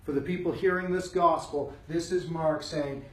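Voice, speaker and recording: A man with a fairly high voice leads a Bible study at a moderate pace, his intonation fairly even. He speaks emphatically, repeating phrases to drive his points home. A distant mic gives the sound a roomy quality.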